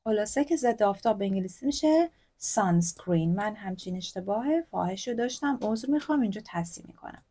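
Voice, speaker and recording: Teaching a textbook lesson, this Persian-accented woman reads English examples slowly and explains them in a chatty style, correcting herself out in the open. Her medium-pitched voice is expressive and dark, with a slightly rough edge.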